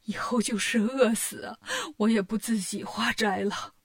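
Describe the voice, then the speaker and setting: A woman's voice: a little high, steady tone, pitched below the performer's own voice. A woman voicing a timid, tearful old monk in a children's story. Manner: tearful and pleading, slow.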